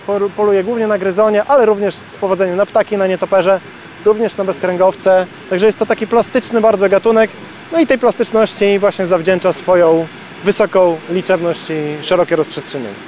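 A man's voice: sits high, a little mellow, a little hiss or hum. A man leading an owl excursion, explaining a species to a group outdoors with frequent hesitations.

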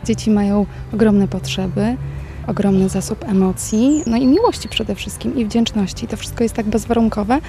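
A woman teacher answering interview questions in a reflective way, pausing often with small fillers. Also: medium pitch, steady tone, dark tone, a little hiss or hum. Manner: reflective, speaks thoughtfully with pauses and "e" fillers.

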